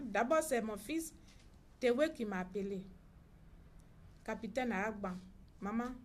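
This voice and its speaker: Mother giving testimony. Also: on the high side. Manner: halting retelling with reported dialogue. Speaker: victim's mother. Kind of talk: personal testimony.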